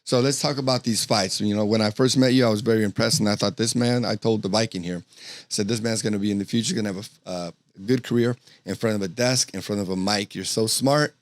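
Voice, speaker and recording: A man's voice: lowish voice, fairly even intonation, quick pace, no echo. A man hosting a casual podcast, effusive and full of hype as he introduces guests and fights. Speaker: podcast host.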